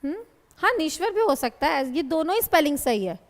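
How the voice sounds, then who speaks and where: A woman's voice: high-pitched, very animated, a little fast. A woman teaching Hindi grammar in a classroom lecture. She explains patiently, asks her students questions and calls them "beta". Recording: long hall reverb.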